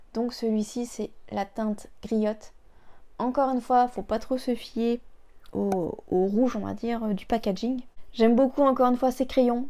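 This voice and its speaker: Chatty woman with a mellow voice. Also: a little high. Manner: chatty, hesitant with fillers and restarts. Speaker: beauty vlogger. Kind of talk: casual makeup review. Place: home room with an open window.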